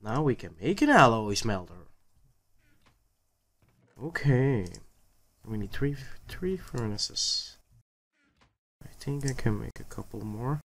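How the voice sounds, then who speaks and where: A man's voice: mid-range voice, big pitch swings, slow, long pauses, fairly bright tone. A man giving casual let's play commentary, muttering to himself in short fragments with a grumbly, exasperated edge. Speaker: gaming video host.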